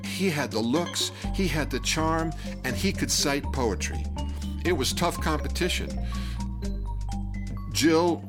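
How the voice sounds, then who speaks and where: An older man telling a personal story to an audience, animated, acting out quotes and laughing as he goes, with music playing under his voice. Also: fairly high pitch, slow, long pauses.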